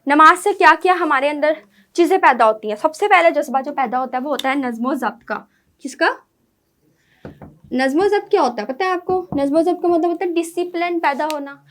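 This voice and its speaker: A woman's voice: high-pitched, animated, brisk, a bit bright. A woman teacher, giving an online lecture to schoolchildren, explaining step by step and often checking with "right?".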